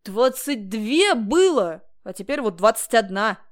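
A woman's voice: a little high, sing-song, unhurried. A woman voicing an irritable man who grumbles and complains with contempt, in a storybook reading. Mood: grumbling. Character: irritable grumbling man, owner of stolen chicken.

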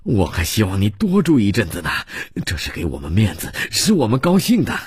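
A man voicing a hearty, excitable middle-aged male host in a radio story reading, loud and effusive. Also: fast talker, breathy edge, no room sound, studio quality, full character voice. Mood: effusive welcome. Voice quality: loud, effusive, voice leaping high when excited.

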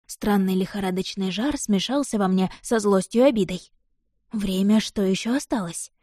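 Female audiobook narrator, first-person fiction, mellow dark tone, dry close recording. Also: mid-range voice, normal speed, no echo.

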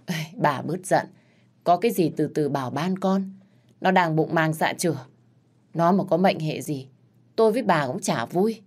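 A woman voicing an older father-in-law who defends his daughter-in-law and calms the others. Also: deep voice, moderate pace, pauses often, breathy edge. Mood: placating.

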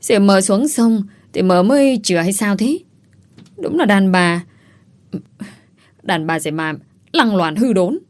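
A woman voicing a young female servant who shrieks loud accusations in an audiobook. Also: medium pitch, lively intonation, slow pace, pauses often, no room sound. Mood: scornful.

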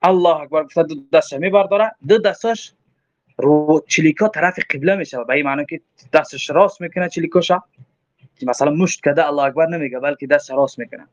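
A man with a Tajik accent teaching from a religious text, quoting Arabic phrases and explaining them, often asking himself questions before answering. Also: on the high side. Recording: dull lo-fi recording.

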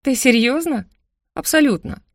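A woman's voice: high-pitched, animated, moderate pace, dry recording, clean studio sound, pitched above the performer's own voice. A woman voicing a headstrong young woman who snaps back at her guardian with bitter sarcasm. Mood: defiant. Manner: sharp, sarcastic, indignant.

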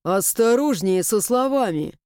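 A woman voicing a stern, proud young man in a fairy-tale audiobook, measured and lecturing. The tone is dark and smooth, recorded close and dry. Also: a little high, lively intonation, dry recording. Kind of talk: audiobook character voice.

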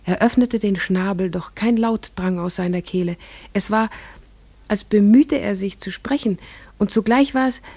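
For a radio play, an actress voices a farmer's wife and mother recounting her story in scripted first-person narration. Her mid-range, husky voice is dreamy and measured, going hushed at times and swelling into rapt wonder.

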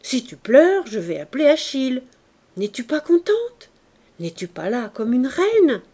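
A woman's voice: high voice, sing-song, measured pace, mellow, pitched above the performer's own voice, exaggerated voice. Woman playing a scolding caregiver cousin. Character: poor female relative turned caregiver, scolding.

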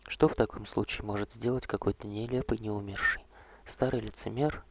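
A man voicing a weary, gentle old male vampire courtier who speaks slowly and softly, often in a whisper, with a husky voice. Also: fairly low pitch, fairly even intonation. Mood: sorrowful. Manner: soft, slow, hushed, often whispered.

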